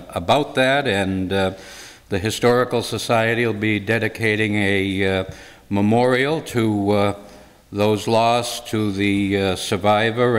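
A man in his sixties making announcements and introducing a guest speaker at a church luncheon, unhurried and pausing often with uhs. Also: medium pitch. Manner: unhurried, with many uhs between phrases. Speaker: series organizer and local historian. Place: church hall stage before a red curtain. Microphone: stand microphone at a lectern. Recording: long hall reverb.

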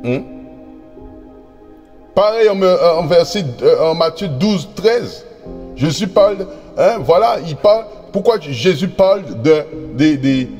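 A man preaches to his congregation in a slightly raised voice, reading verses slowly and stumbling over repeated words and fillers. His voice rings with a long reverb, and soft music plays faintly underneath. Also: sits high, lively intonation. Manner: reads verses slowly and deliberately; addresses listeners as brothers, sisters and friends. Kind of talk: sermon with scripture reading.

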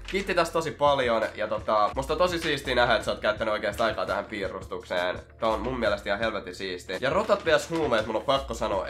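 Swearing, jokey young man vlogging. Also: fairly low pitch. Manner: swears a lot, jokey and animated. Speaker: YouTuber opening fan mail. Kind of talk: casual vlog chat.

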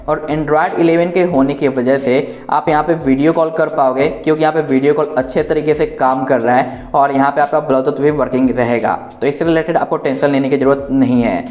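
This is informal narration for a phone software review by a man who hosts tech videos. His voice sits on the high side with a darkish tone, and he sounds explanatory and reassuring. Echo from the indoor room fills the recording.

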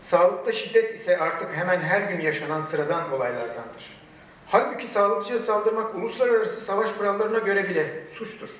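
A man speaking at a podium microphone in a large hall, giving a formal prepared speech with emphatic, measured delivery and rhetorical questions. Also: sits high, fairly bright tone. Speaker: medical chamber president giving a ceremony speech. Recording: very echoey hall, voice distant from the mic.

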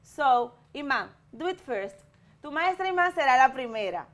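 A televised English lesson for schoolchildren is led by a woman in her thirties from the Dominican Republic, who has a Dominican Spanish accent. Her high, sing-song voice has a fairly bright tone, and she explains slowly and clearly in both languages, modelling words for repetition.

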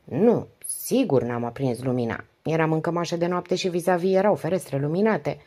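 A weary, devoted wife in her late forties pours out long, flowing confidences, read by a woman narrator. Her voice is low and mellow. A husky grain runs through it. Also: lively intonation. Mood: confiding. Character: 48-year-old wife, talkative, devoted, weary.

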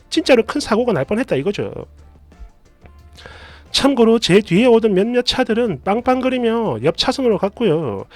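Story narrator, casual, chatty asides, animated pitch, dry close mic, faint music behind. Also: dry recording. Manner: lively, chatty, adds asides and comments.

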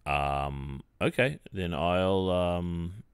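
An Australian man performs an ASMR boyfriend roleplay as an awkward, polite young college football captain, speaking one-sidedly in a way that sounds improvised. His low, expressive, heavily acted voice comes across shy and hesitant, halting with frequent pauses and soft awkward filler. The tone is clean with no echo.

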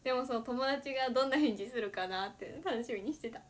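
A woman's voice: high voice, fast, slight background noise. A teenage girl, an idol livestreamer, chatting casually and giggling often between sentences. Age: teens.

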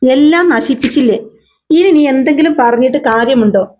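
A woman's voice: sits high, moderate pace, darkish tone, close to an everyday voice. A woman voicing a scheming middle-aged mother-in-law who scolds, read plainly. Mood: scolding.

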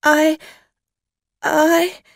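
In an audio story's acted dialogue, a woman gives a full character voice to a tipsy, frightened woman driver who hesitates, stammers and pleads. Her medium-pitched, gravelly, darkish voice swings widely in pitch and moves very slowly. The studio recording is clean and dry.

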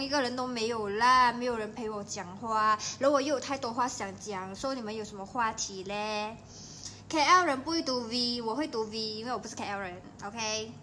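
A young woman with a Malaysian Mandarin accent hosts a casual livestream. Her voice sits high and sounds bright and forceful as she chats and teases her viewers. A faint hiss runs underneath. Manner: chatty and playful, teasing viewers. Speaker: livestream host. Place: at home.

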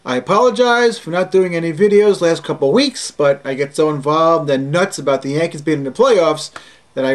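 A middle-aged man giving casual video commentary as an autograph collector, blunt and indignant, reading long item numbers out slowly. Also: a little high.

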